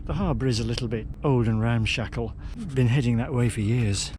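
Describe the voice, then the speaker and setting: A man's voice: mid-range voice, brisk, over loud music. A man giving casual, opinionated vlog commentary in a wry, understated way. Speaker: vlogger presenting a travel film.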